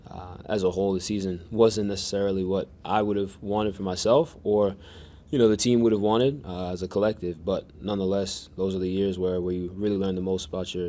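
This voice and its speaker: Man, deep monotone, press conference answers, faint room hum behind. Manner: measured, many restarts and fillers. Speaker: soccer defender at press conference.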